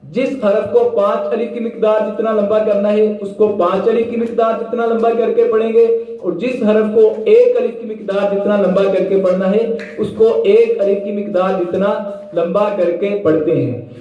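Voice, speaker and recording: A man teaching Quran reading, slowly spelling out syllables and chanting them in drawn-out tones between plain explanations. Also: high voice, fairly even intonation, very echoey, dull audio. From Pakistan. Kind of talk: slow spelled-out recitation lesson.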